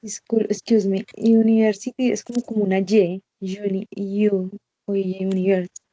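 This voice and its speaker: A hesitant woman student speaks in a flat, mellow voice. Her short answers come through dry and lo-fi, with dull muffled sound. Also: medium pitch, moderate pace, no echo.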